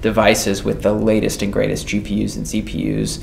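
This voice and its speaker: A man's voice: completely flat delivery, brisk, creaky, darkish tone. A man in his thirties, speaking enthusiastically as a company representative in an expo interview. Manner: enthusiastic, talks with his hands. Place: booth at a tech expo, indoors. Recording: roomy expo hall with faint rumble.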